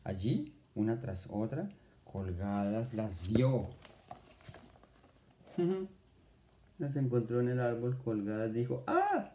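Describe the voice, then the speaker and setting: A man tells a children's rhyme with a lively, swooping voice and plenty of playful exclamations. His tone is very dark and mellow. The room gives it a noticeable echo. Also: mid-range voice, slow, long pauses. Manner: playful, exclaiming, talks to young listeners. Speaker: children's storyteller. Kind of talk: animated reading of a children's poem. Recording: roomy echo.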